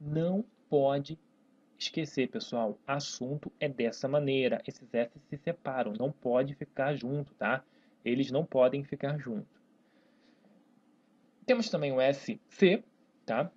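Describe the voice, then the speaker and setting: Brazilian accent, whiteboard grammar lesson, slow syllable-by-syllable words, a dull lo-fi sound. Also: medium pitch, darkish tone, slightly rough. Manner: stretches words out slowly syllable by syllable, tags lines with "né?" and "tá, pessoal?". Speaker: Portuguese teacher. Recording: dull lo-fi recording.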